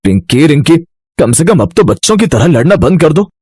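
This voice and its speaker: Man voicing a stern elder brother, lively pitch, husky edge, commanding, storybook figure. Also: fairly quick. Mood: scolding. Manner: commanding, exasperated.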